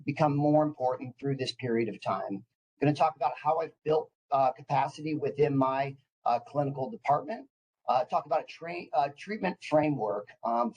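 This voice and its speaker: A man's voice: a little high, darkish tone, husky, highs cut off. Enthusiastic, caffeinated man presenting. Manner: enthusiastic, psyched; caffeinated, eager talker who hesitates and restarts mid-phrase. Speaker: clinical department director presenting. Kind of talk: informal professional presentation.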